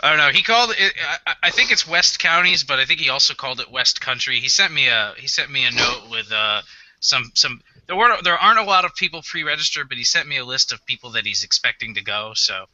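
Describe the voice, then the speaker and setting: Guy hosting a podcast, lots of uhs, sharp bright voice, kinda muffled dry sound. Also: medium pitch, lively intonation, fast, no echo. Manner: hesitant, lots of "uh" fillers, reads through lists. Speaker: podcast host. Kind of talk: casual chat. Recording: dull, dry, muffled audio.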